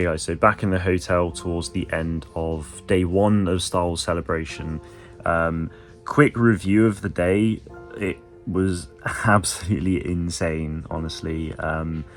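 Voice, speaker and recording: A man with a very low voice recaps his day in a hotel room, chatty and enthusiastic, leaning on fillers. Faint music plays quietly under his voice. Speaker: vlogger. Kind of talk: casual recap to camera.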